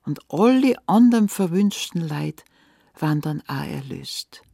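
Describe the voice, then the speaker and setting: A woman voicing a sad, gentle old farmer with a Bavarian accent, in a told fairy tale. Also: deep voice, expressive, vocal fry, husky, no room sound, studio quality, exaggerated voice. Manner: sorrowful, slow.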